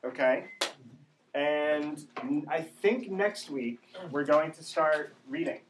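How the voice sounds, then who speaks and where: This ESL teacher has a higher-pitched voice and takes his time, drilling phonics slowly and repeating sounds for the class. He often adds a short tag question to check understanding. Sound comes from a distant mic in an echoey room with background noise.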